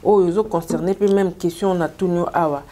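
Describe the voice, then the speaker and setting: Woman interviewer, warm tone, encouraging manner. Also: on the low side, fairly even intonation, brisk, a little hiss or hum. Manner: encouraging, frequent short affirmations. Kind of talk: casual interview, mixing Lingala and French.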